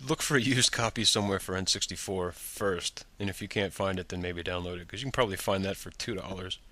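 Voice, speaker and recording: A man's voice: deep voice, quick pace, bright, forceful tone. A man hosting a casual gaming podcast, talking in a laid-back, rambling way with frequent ums. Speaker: podcast host.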